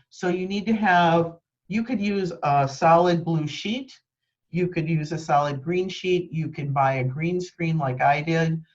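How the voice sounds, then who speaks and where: Her voice sits low as she conducts a live training over video from a green-screen home office, giving practical explanations peppered with ums. Captured on a webcam microphone, the audio is dull.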